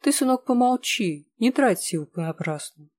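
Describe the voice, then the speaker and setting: A narrator voicing a kind old man, a healer who talks quietly and soothingly. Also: medium pitch, expressive, moderate pace, pitched above the performer's own voice, lightly acted. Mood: gentle. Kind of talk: audiobook character voice.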